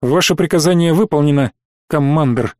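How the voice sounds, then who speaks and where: A man's voice: on the high side, normal speed, darkish tone, no echo, studio quality, natural voice. A man voicing an indignant, worried woman starship captain who grumbles and reproaches, for an audiobook.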